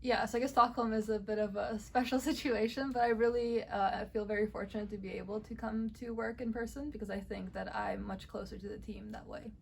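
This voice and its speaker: Slightly gravelly young woman giving a casual tour. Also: mid-range voice, a little fast, few pauses, a little hiss or hum, poor audio. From Romania. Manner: relaxed, many "um" and "I guess" fillers. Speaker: startup cofounder and lead developer. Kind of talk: casual interview and office tour.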